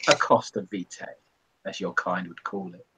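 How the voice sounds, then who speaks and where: A man voicing a sly male information broker in a put-on, wavering Irish accent, speaking in hushed, conspiratorial tones. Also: sits low, very noisy, pitched below the performer's own voice, lightly acted. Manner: hushed, conspiratorial, drawn-out delivery. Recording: dull lo-fi recording.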